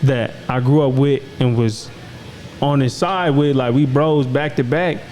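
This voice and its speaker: At a measured pace and with fairly even intonation, a young podcast host from Des Moines, Iowa, speaks in a darkish, mid-range voice. He keeps things laid-back and slangy in casual conversation, often asking "you know what I'm saying." There's a little hiss or hum and the audio is poor.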